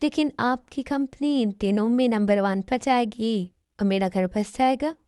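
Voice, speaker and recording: A woman's voice: a little high, a little slow, warm tone, clean tone, no echo, clean studio sound, lightly acted. A woman voicing a cold, demanding young businessman in an amateur dub, speaking bluntly and commandingly.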